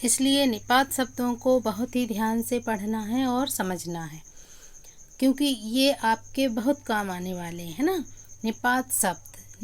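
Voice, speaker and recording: A woman with a fairly high voice teaches a grammar lesson to children. She talks to them directly, poses questions and answers them herself, and she leans on key words and repeats them to drive each point home. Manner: explanatory, asks questions then answers them. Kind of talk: classroom-style grammar lesson.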